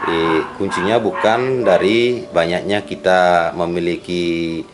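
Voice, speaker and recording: A man's voice: deep voice, steady tone, slow, background noise. A man interviewing an older woman, affirming her answers and ending his points with tag questions. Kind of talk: casual interview. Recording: clear music playing behind.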